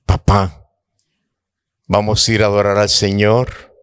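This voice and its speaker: A preacher acting out a curious young son. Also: male voice, lowish voice, little pitch movement, slow pace, fairly bright tone, clean tone. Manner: curious, questioning. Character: young son asking his father questions.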